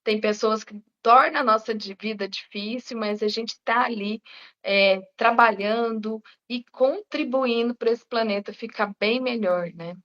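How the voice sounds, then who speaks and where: A woman's voice: fairly high pitch, a little slow, fairly bright tone. A woman therapist in casual live chat, speaking reflectively and often ending with "né?". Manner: reflective, many "né?" tags. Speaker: integrative therapist. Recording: dull lo-fi live stream audio.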